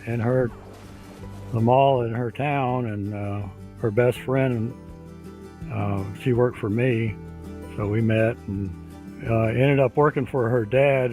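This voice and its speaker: A man in his seventies speaking in a documentary interview, halting, with restarts and fillers. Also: medium pitch, fairly even intonation, a little mellow, soft background music. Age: 70s. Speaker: interviewee, husband.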